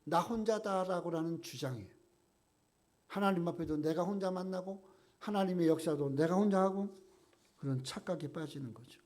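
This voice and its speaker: Korean pastor guy preaching, fairly high voice, gets loud on the big questions then goes soft. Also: moderate pace. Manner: emphatic, voices God's questions in a rising, louder tone; drops to a quiet, low voice at the ends of phrases. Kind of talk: sermon.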